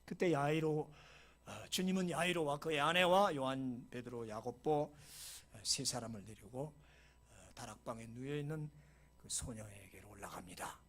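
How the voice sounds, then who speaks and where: A middle-aged male pastor delivers a sermon, narrating the story dramatically and sinking to whispers before bursting into loud exclamations, with short English phrases slipped in. His pitch is medium and his pace normal.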